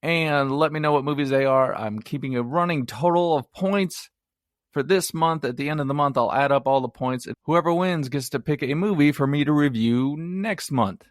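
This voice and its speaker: A man's voice: fairly high pitch, normal speed, no room sound, clean studio sound. A man hosting his own movie review podcast, chatty and rambling, with self-mocking asides. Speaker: podcast host.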